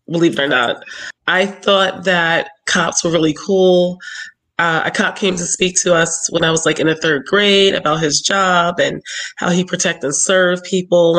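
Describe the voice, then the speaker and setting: A woman's voice: fairly low pitch, fairly bright tone, rough recording. A woman in her forties from Philadelphia, a travel business owner chatting casually as a podcast guest and laughing often. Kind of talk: casual interview chat.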